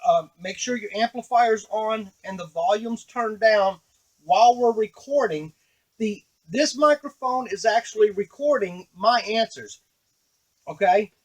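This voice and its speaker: A man with a high voice gives a casual, unscripted tutorial on a device, walking the viewer through each step as he works. The audio is poor.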